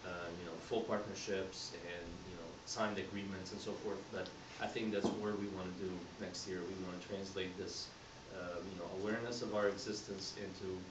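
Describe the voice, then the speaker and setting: Egyptian-born guy giving a board speech, lots of uhs, low voice, echoey room, noisy. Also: fairly even intonation. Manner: halting, many fillers and restarts. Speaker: board candidate. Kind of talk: candidate speech to a community group. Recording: roomy hall, mic at a distance, background noise.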